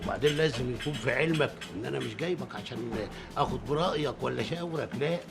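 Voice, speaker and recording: A man's voice: mid-range voice, lightly acted. An actor playing a stubborn, bossy old father with an Egyptian accent, in a TV drama. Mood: insistent. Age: older. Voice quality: gravelly, bossy, quick-tempered. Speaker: father of a grown son. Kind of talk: TV drama acting. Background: background score music.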